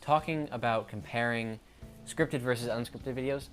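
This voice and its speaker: This YouTuber speaks at normal speed and medium pitch, with soft music in the background. Talking casually to camera without a script, he rambles, backtracks mid-sentence, and stutters from time to time.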